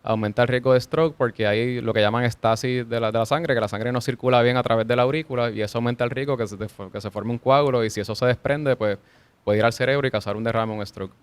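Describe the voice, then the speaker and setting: A man explaining heart rhythm problems as a cardiologist guest, measured and explanatory, with small restarts. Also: mid-range voice, fairly even intonation, smooth, dry recording. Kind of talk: explanatory interview answers.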